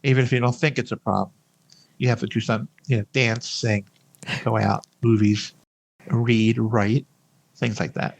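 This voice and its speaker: Older male podcast guest, mid-pitched, reflective conversational delivery with halting repetitions. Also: flat delivery, vocal fry, poor audio. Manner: hesitant, repeating words and phrases as he thinks aloud. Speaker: podcast guest, hospice nurse. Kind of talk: conversational interview.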